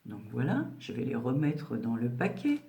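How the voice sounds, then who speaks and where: Unboxing craft parcels for her viewers, a woman in her sixties who runs a craft channel chats and rambles, full of "voilà" and "donc." Her warm voice rumbles low with wildly swooping pitch at a moderate pace, and the recording sounds roomy.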